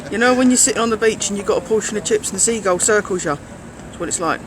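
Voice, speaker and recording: Talking fast in a high-sitting voice, this co-host of a relaxed live chat presses viewers to share the stream, leaning on repeated words for emphasis. He's out on a London street, and the phone picks up the surrounding traffic and bustle.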